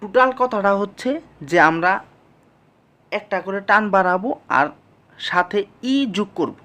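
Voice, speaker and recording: Speaking in a medium-pitched voice that sounds pushed and bright, a teacher works slowly and patiently through a language lesson. Each sound gets a step-by-step explanation before being repeated to the class.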